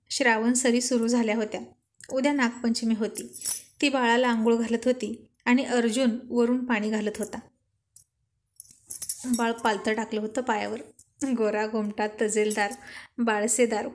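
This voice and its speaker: Fairly high-voiced woman storyteller. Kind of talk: serialized story narration.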